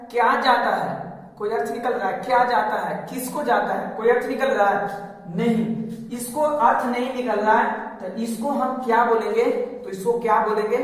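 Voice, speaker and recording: A male teacher explains a grammar lesson step by step. He asks rhetorical questions and then answers them himself. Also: very high voice. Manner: repetitive, explains step by step with examples. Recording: echoey hall, mic far off.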